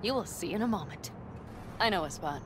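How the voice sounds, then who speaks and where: A confident young female outlaw from a video game, played by an actress, with a lowish voice and a blunt, practical manner. Vehicle noise runs clearly behind her. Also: expressive, a little fast, natural voice. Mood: matter-of-fact. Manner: blunt, matter-of-fact, dry.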